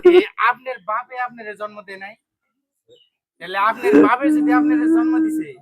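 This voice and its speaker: A man's voice: very high voice, animated, a little fast. A man playing a stern bystander who scolds and lectures a son in an amateur street drama. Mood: scolding. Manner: scolding, preachy, emphatic.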